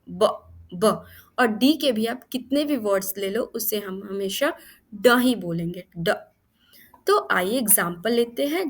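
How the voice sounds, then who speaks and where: A young woman teaching English phonics, slowly repeating each word and explaining its meaning. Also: mid-range voice. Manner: slow, repeats each word several times, gives meanings.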